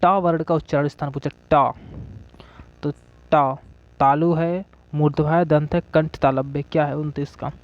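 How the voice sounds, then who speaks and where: Fairly high-voiced man teaching grammar. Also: fairly even intonation, moderate pace, a little mellow. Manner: asks questions then answers them, repeats "ठीक है". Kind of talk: exam-prep grammar lesson. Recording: dull lo-fi audio.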